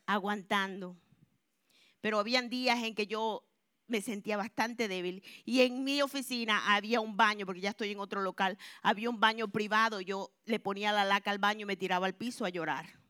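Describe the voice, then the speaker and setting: A woman giving a religious testimony to a congregation, telling her story expressively and moving between hushed and loud. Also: medium pitch, moderate pace, clean tone, no room sound, studio quality. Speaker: church member giving a testimony.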